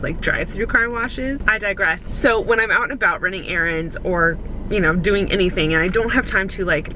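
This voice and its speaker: A woman talks casually to her camera in a rather low voice, sprinkling her talk with "like" and quick asides. There is clear background noise behind her, with traffic and car sounds. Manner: chatty, filler-heavy with frequent "like". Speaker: vlogger.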